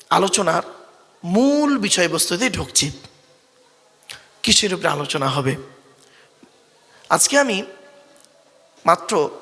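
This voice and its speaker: A man's voice: sits high, big-room sound. A man preaching a Bengali waz sermon to a crowd, calling them "father", asking them to answer back and drilling correct Arabic pronunciation. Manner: calls the crowd "bap" and "baba", asks it to answer back; rhetorical questions, rising to shouted lines.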